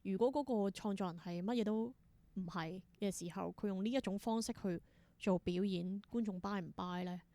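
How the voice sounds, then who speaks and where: In a dry recording, a woman with a dark-toned, mid-range voice talks at a normal speed. She is being interviewed as a theatre performer and creator, speaking thoughtfully and reflectively with a Hong Kong Cantonese accent while mixing in English words.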